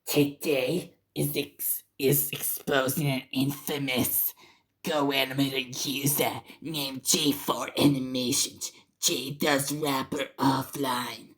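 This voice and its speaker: A man doing a mocking impression of a woman reading an exposé aloud, in a breathy half-whisper that stumbles over the words. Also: mid-range voice, flat delivery, takes it slowly, fairly bright tone.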